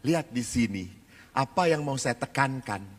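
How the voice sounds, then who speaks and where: Animated preacher man in a reverberant hall. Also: medium pitch, moderate pace. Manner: animated, acts out children's and mothers' voices. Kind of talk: lively sermon to a live audience. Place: large hall with an audience.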